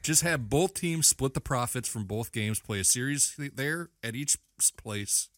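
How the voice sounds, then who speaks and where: A man with a mid-pitched voice who pleads his case with rhetorical questions and lets his sentences trail off. The sound is dry and close. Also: animated, moderate pace, a bit bright, no room sound. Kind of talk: casual sports chat.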